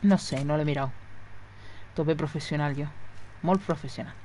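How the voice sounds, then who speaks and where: A woman's voice: deep voice, moderate pace, dark tone, a little hiss or hum. A woman chatting casually and swearing freely as she streams a video game. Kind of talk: casual live gameplay commentary.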